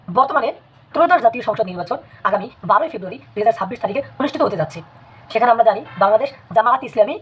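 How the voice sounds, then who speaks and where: A woman teaching a spelling lesson in a measured way, repeating words for emphasis. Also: fairly high pitch, husky. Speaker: language teacher. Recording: dull lo-fi recording.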